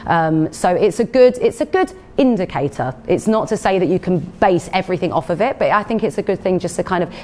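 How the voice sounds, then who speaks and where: A woman's voice: fairly low pitch, expressive, brisk, hardly any pauses, a little mellow. A woman with an Essex accent tinged with Cockney, giving a health talk and fielding questions in a chatty, explanatory way. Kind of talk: informal talk with audience questions.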